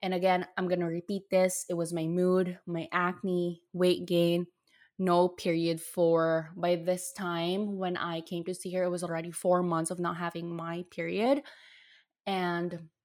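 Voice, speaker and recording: A young woman speaks casually and earnestly, sharing her own experience with a slightly low voice. She talks in bursts, with fillers and restarts, and emotion shows through. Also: little pitch movement, unhurried, darkish tone. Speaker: storyteller sharing a health journey. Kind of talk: casual personal storytelling.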